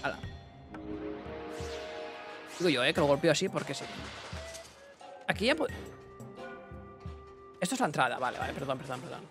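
A young man giving casual let's-play commentary, excitable, talking to himself and his chat with bursts of yelps. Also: fairly high pitch, normal speed, long pauses, music in the background. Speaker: gaming streamer.

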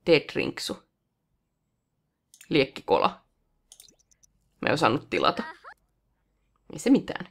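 A woman with a lowish, gravelly voice gives casual commentary while she plays a life-sim game. Her pitch swings widely, and she bursts into high excited calls at the characters. She talks into a desktop mic at her computer. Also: long pauses. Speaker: let's play host.

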